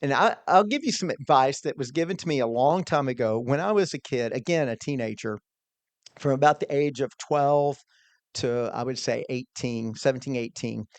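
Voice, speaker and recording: A man's voice: medium pitch, moderate pace, no echo. A middle-aged man, a small business owner, telling a personal story in an earnest, conversational way, often restarting his words.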